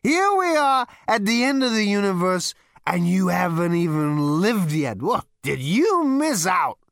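A man's voice: sits high, big pitch swings, measured pace, fairly bright tone, no echo, clean studio sound, pitched above the performer's own voice, heavily acted. A man voicing a brash, boastful male alien adventurer who whoops and shows off. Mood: astonished. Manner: whooping, showy, overexcited.

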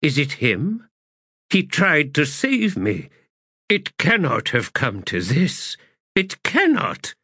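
A man's voice: on the high side, wildly swooping pitch, slow, pushed and bright, breathy edge, no echo, clean studio sound, voice pushed up, full character voice. A man voicing a blind, grief-stricken old man who begs and confesses his guilt in an anguished, pleading way.

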